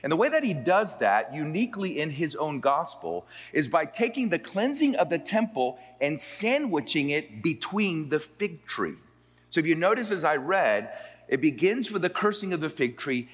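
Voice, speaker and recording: A man from Puerto Rico preaching in a seminary chapel, his pitch rising and falling a great deal. He shifts between slow, weighted phrases and quicker runs. A long hall reverb trails his words. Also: breathy edge. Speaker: pastor. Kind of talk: sermon with scripture reading.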